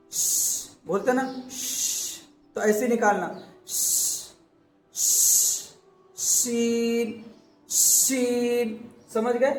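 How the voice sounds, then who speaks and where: A man teaching Quran recitation. He gives quick explanations, then draws out each letter sound slowly, and often checks that the listener is following. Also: high-pitched. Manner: slow drawn-out letter demonstrations between quick explanations. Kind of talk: pronunciation lesson. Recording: echoey room, faint background noise.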